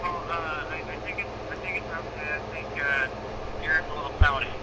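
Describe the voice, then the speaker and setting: A man phones in to a live show and is heard through a speakerphone held up to the host's microphone. His voice sits fairly high, and a steady hiss of noise runs under it. He hesitates over fillers before giving blunt opinions. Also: brisk. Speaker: caller. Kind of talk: casual phone call-in chat. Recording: noisy speakerphone line.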